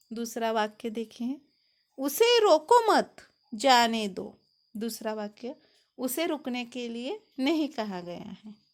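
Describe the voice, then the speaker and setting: A woman teaching a grammar lesson to schoolchildren, explaining slowly and reading example sentences with emphasis. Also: fairly high pitch.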